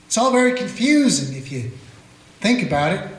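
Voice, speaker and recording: In a radio play, a man narrates and acts as a weary small-town sheriff questioning a prisoner, his humor folksy and dry and his mood musing. His voice sits high with big pitch swings at a normal speed, recorded in an echoey room with faint music.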